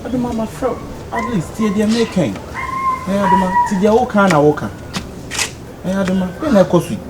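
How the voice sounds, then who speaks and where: A man's voice: sits high, expressive, fairly quick, heavy background noise. A Ghanaian man acting a pestering young suitor, pleading and repeating his girlfriend's name. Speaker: lovesick suitor. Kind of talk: Twi film acting.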